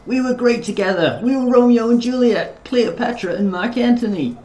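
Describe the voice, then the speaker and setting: A man voicing an excitable, loudmouthed young male witness who protests indignantly while reading a courtroom game aloud. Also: extremely high pitch, moderate pace, roomy sound, voice pushed up.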